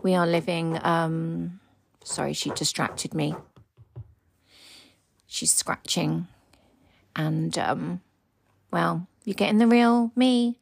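A woman hosting a motivational coaching podcast from home, speaking earnestly and dropping into soft whispers for emphasis. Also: lowish voice, steady tone, takes it slowly, gravelly, long pauses, slight background noise. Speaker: podcast host and embodiment coach. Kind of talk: motivational solo podcast talk. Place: home, with her dog beside her.

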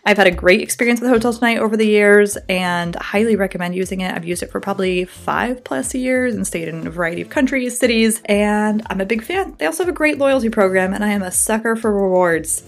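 Speaking fairly quickly with hardly any pauses, this woman has a medium-pitched voice. She hosts a podcast from her Brooklyn home, cheerfully reading ads and chatting casually with a guest.

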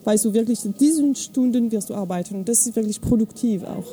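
A native French speaker from French-speaking Switzerland, this travel blogger is a guest in a relaxed interview held outdoors at an evening camp. Her voice is on the high side and warm, and she speaks haltingly, pausing often to find words and using many fillers.

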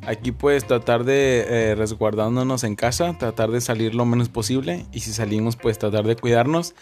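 A man's voice: medium pitch, normal speed, a little mellow, soft background music. Hesitant man, podcast guest. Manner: hesitant, many fillers. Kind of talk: casual chat.

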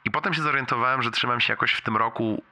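Bright-voiced man leaving a rambling voicemail. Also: mid-range voice, fast. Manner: leaving a voice message to a friend, confiding, slangy. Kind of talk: casual rambling personal voicemail.

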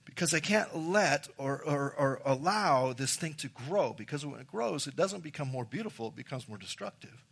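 A man's voice: medium pitch, lively intonation, normal speed, gravelly, hardly any pauses, fairly bright tone, husky. A man preaching a sermon as pastor, emphatic, repeating key phrases and addressing the congregation directly.

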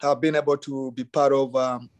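Middle-aged Ugandan-born man, easygoing guest, dry close mic, mid pitch. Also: normal speed, no room sound. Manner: relaxed, many fillers like "you know" and "um". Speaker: youth soccer academy director, guest. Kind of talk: casual interview.

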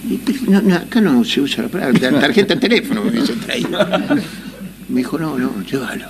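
A man's voice: mid-range voice, big pitch swings, fairly quick, gravelly, over a noisy crowd. A man with an Argentine accent telling a casual anecdote, laughing often and acting out the voices of people in his story. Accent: Argentine Spanish.

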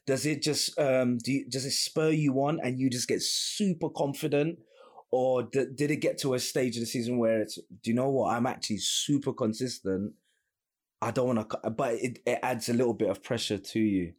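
A man's voice: medium pitch, steady tone, moderate pace. A man interviewing an athlete, asking long questions that circle and restart before landing.

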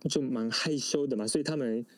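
A man's voice: mid-range voice, a little fast. A native Japanese man speaking with a Japanese accent, answering interview questions conversationally and searching for words. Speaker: interview guest.

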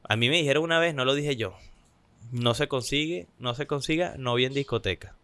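A young man with a Venezuelan accent co-hosts a relaxed podcast chat. He tells stories in a lively way, slipping into quoted voices. His voice sits in a middle range and sounds dry and close. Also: a little fast, smooth, no room sound. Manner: animated storytelling, acts out quotes in higher voices. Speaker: podcast co-host. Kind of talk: casual chat.

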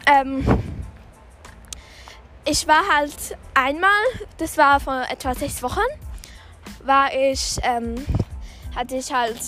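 Young female podcast host, high-pitched, speaking while out jogging; informal, halting, self-correcting delivery over background music. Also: flat delivery, pushed and bright, poor audio. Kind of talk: casual spoken podcast monologue.

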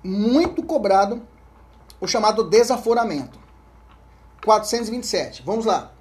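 A man with a Brazilian Portuguese accent teaching an exam-prep law lecture. He reads statutes aloud, repeats key points, keeps checking in with his listeners and often trails off into a low murmur. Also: lively intonation, normal speed, a little mellow.

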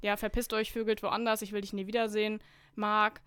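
Young woman, podcast co-host, mocking fanfiction reading, middle pitch, dry recording. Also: flat delivery, fairly quick, a bit bright, clear, resonant tone, dry recording. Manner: mocking, skips passages with "bla bla". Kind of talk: reading fanfiction aloud with commentary.

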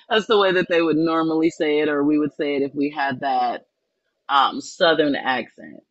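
A woman from New Orleans, a spiritual life coach, telling her life story in an earnest, reflective way with many pauses and ums. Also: sits low, fairly bright tone, no room sound, dull audio. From New Orleans, Louisiana. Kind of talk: personal storytelling in an interview.

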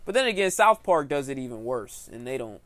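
A young American man chatting casually as a podcast host, with a slangy, animated way of talking. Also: mid-range voice, brisk, music in the background. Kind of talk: casual chat.

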